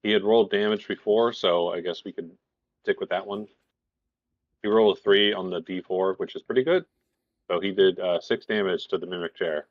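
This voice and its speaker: A man's voice: low-pitched, fairly quick, no room sound. A man casually narrating and explaining a tabletop game as game master, in a conversational way. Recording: dull lo-fi voice recording.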